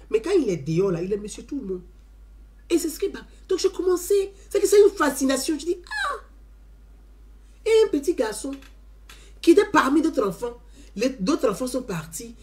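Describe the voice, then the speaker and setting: A woman telling an animated story as a testimony. She talks emphatically, repeats her phrases and often adds "hein". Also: sits high, moderate pace. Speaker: community member giving a testimony.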